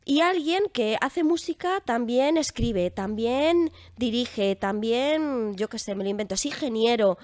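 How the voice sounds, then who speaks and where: Young woman, casual podcast guest, lively, chatty, dry close sound. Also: fairly high pitch, unhurried, few pauses, no room sound. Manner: lively, chatty, laughs often. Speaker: guest actress.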